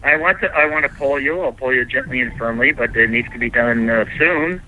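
A man chatting casually as a caller on a show, halting and repeating his words. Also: mid-range voice, phone-quality sound, slight background noise. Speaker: phone-in guest and staff member of the show. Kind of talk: casual chat.

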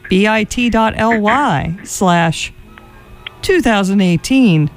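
Female host, average pitch, casual call-in radio delivery, music behind. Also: animated, takes it slowly. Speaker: show host taking calls.

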